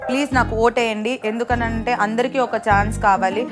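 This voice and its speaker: A woman contestant on a reality show pleads for votes. Her voice sits a little high. Loud music plays behind her. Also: fairly even intonation, fairly quick.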